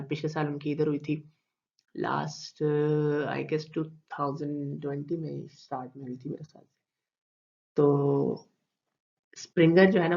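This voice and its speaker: A man with a Pakistani Urdu accent giving a recorded online lecture, explaining slowly with repeated terms and many fillers. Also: fairly high pitch, creaky. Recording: dull lo-fi recording.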